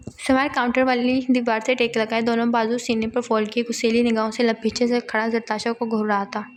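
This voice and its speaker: A woman narrating a romance novel aloud in a steady storytelling manner. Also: fairly high pitch, slight background noise. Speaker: audiobook narrator.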